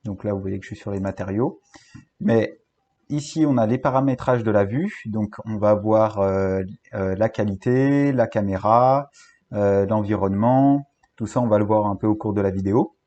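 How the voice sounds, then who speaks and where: A man with a French accent giving a screen-recorded software tutorial, talking hesitantly with many fillers and restarts. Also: fairly low pitch, normal speed, dull audio.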